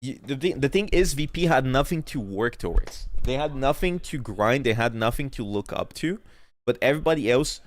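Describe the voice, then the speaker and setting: Streaming casually with a stuffy nose, a man rambles and argues about competitive teams, often trailing off mid-point as he loses his thread. His pitch is medium, and the recording has no room sound.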